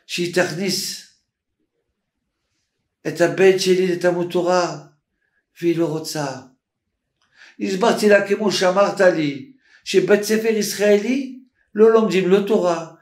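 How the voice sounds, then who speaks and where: A man voicing a poor, timid man who speaks quietly and apologetically. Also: a little high, natural voice. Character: poor middle-aged man, timid and tearful. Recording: echoey room with faint music.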